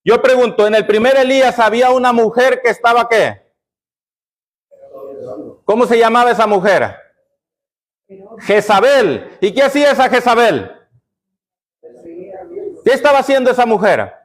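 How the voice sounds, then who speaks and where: High-voiced preaching man quizzing the pews. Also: expressive, normal speed, pauses often. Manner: call-and-response questioning of the congregation. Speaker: pastor. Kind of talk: sermon.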